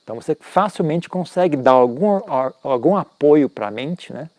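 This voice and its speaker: Teaching Buddhism informally, this man often tacks questions onto his sentences and pokes fun at himself. His slightly high voice has lively intonation, a normal pace and a darkish tone, recorded without room sound.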